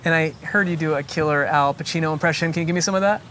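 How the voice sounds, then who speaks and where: An interviewer asking rapid-fire questions and reacting briefly and upbeat to each answer. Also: mid-range voice, fairly bright tone, a little hiss or hum.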